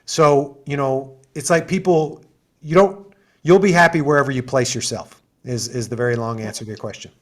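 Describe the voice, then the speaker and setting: A man's voice: medium pitch, normal speed. A middle-aged man explaining programs as an assistant dean in a chatty, enthusiastic way, full of asides and fillers, on a video call. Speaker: assistant dean hosting an info session.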